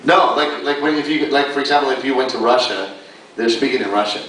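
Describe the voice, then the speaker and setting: A man's voice: medium pitch, fairly even intonation, brisk, fairly bright tone, slight background noise. A man talks casually on a convention panel, circling his point with lots of likes and restarts. He sounds distant from the camera. A long echo fills the big hall around him. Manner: rambling, many likes and restarts. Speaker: voice actor panelist. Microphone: far audience camera. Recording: echoey hall recorded from far off.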